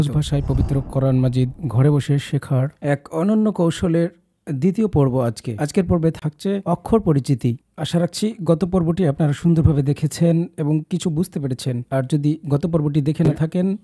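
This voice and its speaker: A young man teaching the Quranic alphabet, encouraging his listeners and drawing out each letter slowly. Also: a little high, mellow. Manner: encouraging, slow drawn-out recitation of letters.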